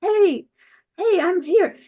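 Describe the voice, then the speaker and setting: A woman's voice: extremely high pitch, takes it slowly, muffled recording, pitched above the performer's own voice. A woman voicing a small male talking fish that keeps begging for help. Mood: pleading. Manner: pleading, insistent.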